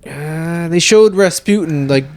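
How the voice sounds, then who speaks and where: A man's voice: on the high side, measured pace. A man co-hosting a podcast, bluntly grumbling about movies in casual chat. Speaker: podcast co-host.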